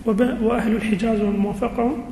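A male teacher giving a lesson, speaking slowly and deliberately, repeating key words and quizzing his class. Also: high-pitched, level tone, gravelly, mellow, a little hiss or hum. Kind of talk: classroom lesson on Quranic grammar. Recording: echoey hall with faint ambience.

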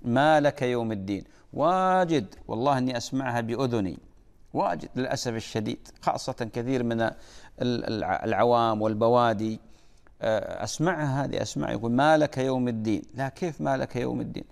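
A man's voice: medium pitch, fast talker, vocal fry. A man giving a religious lesson as a preacher, emphatic and drilling correct pronunciation. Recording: long reverb of a large hall.

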